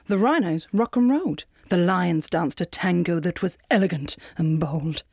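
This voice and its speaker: Animated woman reading a rhyming storybook. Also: fairly low pitch, moderate pace, breathy edge, no room sound, clean studio sound. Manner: animated, rhythmic, expressive. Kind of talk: reading a rhyming picture book aloud.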